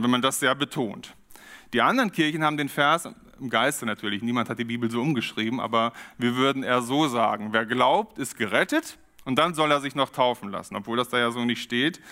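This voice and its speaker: A man preaching a sermon, reflective and steady, often posing questions to his congregation. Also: mid-range voice. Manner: reflective, poses rhetorical questions.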